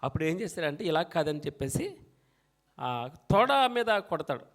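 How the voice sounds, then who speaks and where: High-voiced man preaching a sermon. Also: very animated, normal speed. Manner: swings from soft talk to loud emphatic scripture reading; leads the congregation in reading verses aloud.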